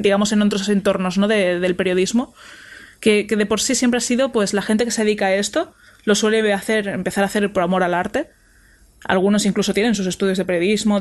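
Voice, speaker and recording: A woman co-hosting a casual podcast, speaking with many fillers and restarts. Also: medium pitch. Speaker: podcast co-host.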